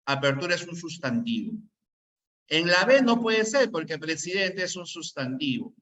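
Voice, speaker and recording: A man's voice: fairly high pitch, big pitch swings, moderate pace, pushed and bright. A man teaching an online grammar class, quizzing students with rhetorical questions. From Peru.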